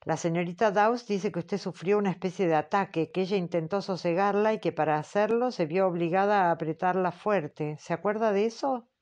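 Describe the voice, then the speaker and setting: A woman reading the part of a formal man questioning a witness, slow and patient. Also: on the low side, a little mellow, lightly acted. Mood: probing. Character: measured male examiner, formal and patient. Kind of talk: audiobook character reading.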